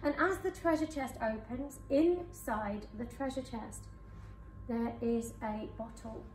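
Woman hypnotist talking folks down slow and soothing, big echoey conference room, faint hum. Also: fairly high pitch, a little mellow, distant mic. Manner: slow soothing suggestions with counting. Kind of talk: guided hypnosis session. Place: conference room with live audience. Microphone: far camera.

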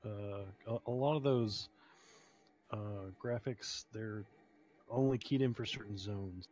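A man on gaming voice chat explaining technical details, pausing with fillers. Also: lowish voice, a little mellow. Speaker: online game player. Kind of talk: casual voice chat while gaming. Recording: dull lo-fi voice chat audio.

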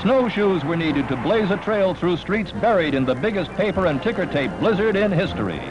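A man's voice: sits high, animated, moderate pace, over loud music, poor audio. A man narrating in the dramatic, punchy announcer style of a 1940s old newsreel.

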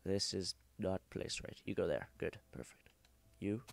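A man's voice: low-pitched, lively intonation, a little slow, vocal fry. A young man with a cough, giving rambling, joking gameplay commentary and swearing freely. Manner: rambling, joking, swears freely, corrects himself mid-sentence. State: sick with a cough. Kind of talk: casual let's-play commentary.

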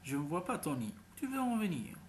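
A man's voice: a little high, sing-song, fairly quick, a little mellow, a little hiss or hum, pitched above the performer's own voice. Grumpy sidekick crook, skeptical and reluctant, read by a male narrator. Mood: grumbling. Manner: grumbling, skeptical.

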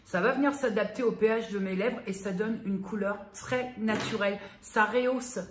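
A woman's voice: mid-range voice, steady tone, moderate pace. Chatty woman vlogger in a roomy space. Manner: chatty, self-mocking, addresses viewer familiarly. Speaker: beauty vlogger. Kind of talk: casual chat to the viewer. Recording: roomy echo, faint background noise.

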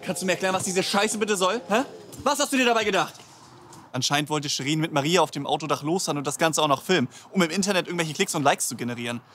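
A man playing an urgent, rapid-fire young teacher. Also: fairly high pitch, a bit bright, faint music behind, natural voice. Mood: angry. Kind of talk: scripted reality TV acting.

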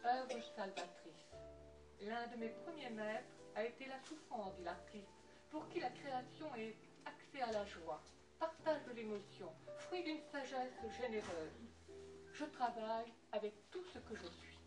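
A woman giving a measured, poetic scripted narration about an art exhibition. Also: fairly high pitch, animated. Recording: roomy, distant voice with music underneath.

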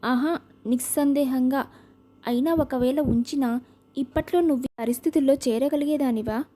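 A frank, practical young woman friend in an audio novel, read by a woman. She talks in a matter-of-fact way. The voice is high and dark-toned. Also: fairly even intonation, normal speed.

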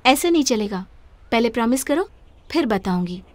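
A woman's voice: fairly high pitch, sing-song, normal speed, no room sound. An actress dubbing a playful, impulsive young woman in a romantic film, coaxing and apologetic. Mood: pleading. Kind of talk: Hindi film dub.

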